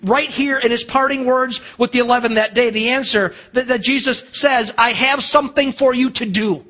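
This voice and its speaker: Preaching from the pulpit, this middle-aged man from the United States has a very high, sharp voice that stays steady at a normal speed. His American-accented sermon is emphatic, full of rhetorical questions and acted-out dialogue.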